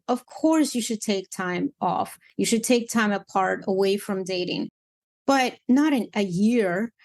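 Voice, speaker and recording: A woman from Ukraine, a matchmaker and dating coach, talking candidly and bluntly as an interview guest. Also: mid-range voice. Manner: candid, blunt, animated with repeated restarts. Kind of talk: casual interview chat.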